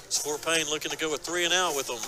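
A man giving fast, excitable play-by-play of a high school football game from a press box. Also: music in the background, poor audio. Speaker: play-by-play announcer. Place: press box at an outdoor stadium.

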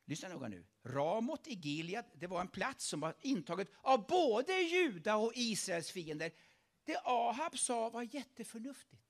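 A male pastor delivering a lively sermon, often pausing to tell the congregation to listen. His voice sits high and leaps widely in pitch as he drives each point home. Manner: animated, repeatedly urging listeners to pay attention.

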